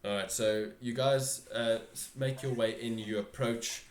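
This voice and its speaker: A man narrating a tabletop game as game master, halting and repeating phrases as he searches for words. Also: medium pitch, fairly even intonation, slight background noise. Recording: roomy, echoing home recording.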